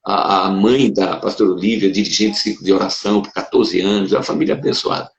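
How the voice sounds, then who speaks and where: A man, a Brazilian pastor, telling his conversion story in a casual conversation, animated and emotional, with sudden leaps up in pitch. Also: fast, a little hiss or hum. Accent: Brazilian Portuguese. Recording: dull roomy sound.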